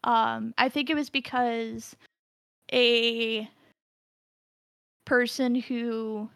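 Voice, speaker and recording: A woman co-hosting a casual podcast chat with a high, bright voice. She rambles and restarts her thoughts often, recorded close and dry. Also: little pitch movement, very slow, vocal fry, dry recording. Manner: rambling, full of fillers and restarts. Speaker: podcast co-host.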